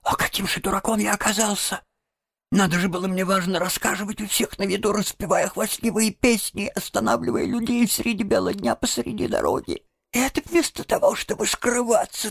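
A man voicing a boastful, panicky male toad who squeaks in a simpering falsetto while disguised as a washerwoman, in an audiobook. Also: vocal fry, a little mellow, no echo, studio quality, heavily acted. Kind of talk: audiobook character voice.

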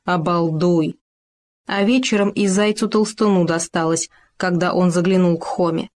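A woman giving expressive, playful narration of a children's story. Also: lowish voice, normal speed. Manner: lively, playful, animated reading.

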